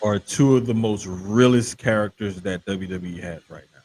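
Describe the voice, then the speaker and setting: A middle-aged man in a casual group chat as a podcast host, talking in an animated, emphatic, slangy way. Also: lowish voice, moderate pace.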